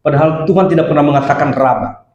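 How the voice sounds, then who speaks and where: A male pastor preaching a sermon in church, swinging between loud exclamations and soft low asides. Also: fast talker, dull audio. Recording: echoey church hall.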